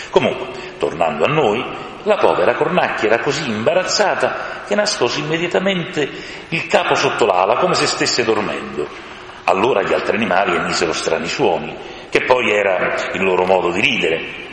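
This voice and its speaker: A man narrating a storybook, expressive and varied in his telling. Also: sits low. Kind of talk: storybook reading. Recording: echoey room with long reverb.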